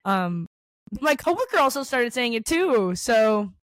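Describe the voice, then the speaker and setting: A woman co-hosting a casual chat podcast gushes and exclaims often, filling her talk with "like." Her fairly high voice swings widely in pitch at an unhurried pace, and the recording is dry.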